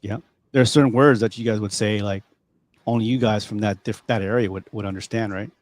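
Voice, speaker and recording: A podcast host with a Californian accent chats casually, relaxed and rambling with many fillers and restarts. His voice is lowish and fairly quick.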